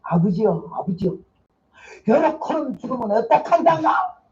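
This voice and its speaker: A woman's voice: on the high side, sing-song, normal speed, darkish tone, reverberant, distant mic, muffled recording. A woman voicing an older deaconess who prays tearfully and pleadingly in a Jeolla dialect.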